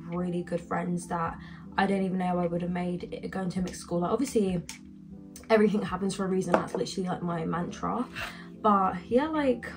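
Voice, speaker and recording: Gravelly-voiced young woman vlogger. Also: mid-range voice. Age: young adult. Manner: rambling, heavy use of "like". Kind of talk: casual storytime chat.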